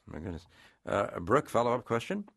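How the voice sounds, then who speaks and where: A man hosting a radio call-in show, asking questions in a halting conversational way with stammering restarts. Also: lowish voice, sing-song, gravelly, fairly bright tone, slightly rough, no room sound, clean studio sound. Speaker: radio host.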